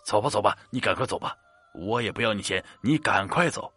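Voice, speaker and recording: A man's voice: lowish voice, animated, brisk, bright, forceful tone, slightly rough, no echo, pitched below the performer's own voice, full character voice. A man voicing a stubborn, insistent older male fortune-teller in a spoken ghost story. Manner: urgent, insistent.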